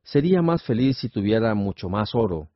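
Greedy old king man doing it, low and a bit breathy, muffled radio. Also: sing-song, normal speed, dry recording. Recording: dull lo-fi radio recording.

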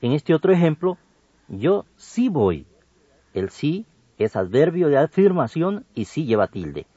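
The co-host of a language program teaches grammar in scripted educational radio narration, his voice dark, husky and sing-song. He speaks slowly and deliberately with wide pitch swings, in dull lo-fi broadcast audio without room sound.

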